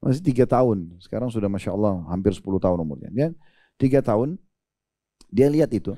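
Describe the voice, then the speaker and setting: A man's voice: lowish voice, expressive, fast talker, dark tone, no room sound, clean studio sound. A man preaching a sermon, telling stories in a conversational way and lifting his voice for emphasis. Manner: conversational storytelling with rising emphasis.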